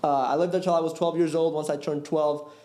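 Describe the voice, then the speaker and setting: A man's voice: fairly high pitch, level tone, fast talker, warm tone. A man in his thirties from Puerto Rico, co-hosting a podcast in a friendly way, asking questions and laughing along. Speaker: podcast co-host. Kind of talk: casual chat. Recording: echoey room.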